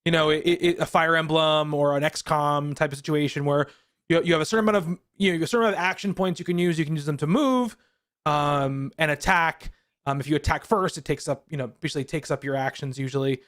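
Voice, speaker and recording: A man's voice: a little high, fairly even intonation, quick pace, a bit bright. A man co-hosting a games podcast, talking in a casual, rambling way with lots of ums and restarts. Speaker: podcast co-host. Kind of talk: casual chat.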